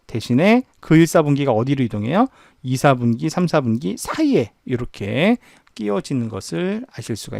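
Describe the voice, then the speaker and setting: Gravelly lively male lecturer. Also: mid-range voice, no echo, studio quality. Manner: asks the class questions and answers them himself; walks through screen steps. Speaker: university professor. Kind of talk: online lecture on spreadsheet software.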